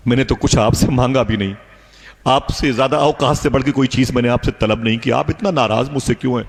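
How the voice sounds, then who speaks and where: Guy voicing a small girl pleading with her dad, plain low-key delivery, echoey hall. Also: close to an everyday voice. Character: pleading little girl, two and a half.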